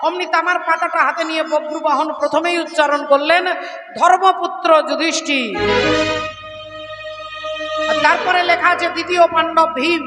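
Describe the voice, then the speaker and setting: A woman's voice: very high voice, steady tone, normal speed, pauses often, distant mic. A woman, singing and telling a devotional kirtan story with dramatic, acted-out speeches. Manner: dramatic, acts out the mother and son in turn. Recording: echoey hall with loud music. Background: violin and devotional music.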